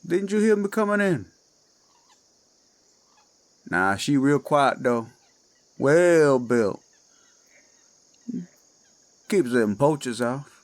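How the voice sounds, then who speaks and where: In a horror audio drama, a man with a Cajun accent plays a menacing werewolf posing as a friendly swamp guide. His mid-range voice moves in a slow, coaxing drawl, sly in mood.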